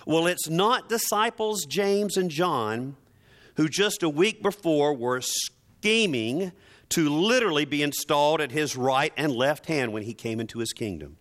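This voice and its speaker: On the high side and expressive, with a fairly bright tone, a man gives a dramatic sermon. He repeats phrases deliberately for effect, speaks with emphatic theatrical flair, and slips in sardonic asides.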